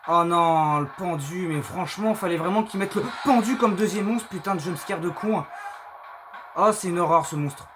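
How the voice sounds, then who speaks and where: A panicking, excitable gamer commentating on a horror game, swearing and repeating phrases. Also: mid-range voice, normal speed, music in the background.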